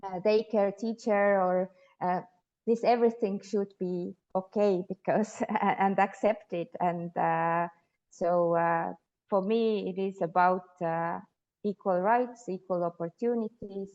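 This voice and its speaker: A woman's voice: mid-range voice, fairly even intonation, slow, darkish tone, highs cut off. A woman from Estonia, a guest sociologist answering interview questions thoughtfully with frequent hesitations. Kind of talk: interview conversation.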